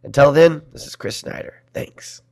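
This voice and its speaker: A man from Nebraska hosts a solo podcast, talking wryly and with self-deprecation. His voice is heavily gravelly and full of fry, and it sounds strained as he recovers from being poisoned. His pitch sits in an ordinary middle range. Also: fairly even intonation, unhurried, a little mellow. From Nebraska, USA. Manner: wry, self-deprecating, talks about his own voice. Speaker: podcast host.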